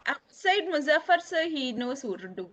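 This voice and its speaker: High-voiced Malaysian woman hosting. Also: very animated, moderate pace, heavy background noise. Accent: Malaysian English. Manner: chatty, many fillers. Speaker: academic host of online session. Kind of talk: informal online discussion. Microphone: video call.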